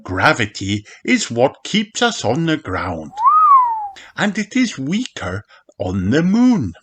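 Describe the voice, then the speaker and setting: A man's voice: mid-range voice, huge pitch swings, slow pace, a little hiss or hum, pitched above the performer's own voice. A man voicing an earnest, serious male rabbit tour guide in a children's storybook. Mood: explaining.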